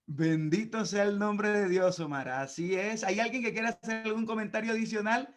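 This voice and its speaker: A man's voice: sits high, moderate pace. A man who is a pastor, preaching a sermon with emphatic, rising passages and repeated words.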